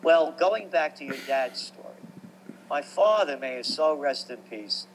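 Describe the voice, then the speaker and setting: A man, telling stories about his life as a guest in an animated, emphatic way. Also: a little high, unhurried, a little hiss or hum, poor audio. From New York. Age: 60s. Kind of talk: conversational storytelling.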